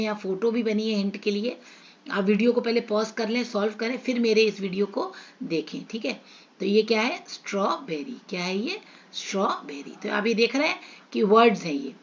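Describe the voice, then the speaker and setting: A woman's voice: medium pitch, dull audio. A woman teaching English to children in an online lesson, asking questions and answering them herself.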